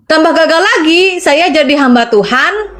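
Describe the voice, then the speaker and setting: A middle-aged woman with a Madurese accent shares her testimony in a high, earnest voice. She speaks with emotion and keeps turning to her listener. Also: expressive, normal speed, fairly bright tone. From Sampang, Madura, Indonesia. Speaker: evangelist. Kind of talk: personal testimony in conversation.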